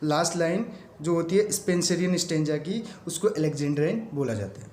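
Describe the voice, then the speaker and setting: High-voiced Indian man teaching in an echoey room. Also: expressive, a little mellow, slight background noise. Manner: explains step by step, asking and answering his own questions; reads English quiz items slowly, mixing English terms into Hindi. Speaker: English literature teacher. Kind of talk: exam-prep lecture.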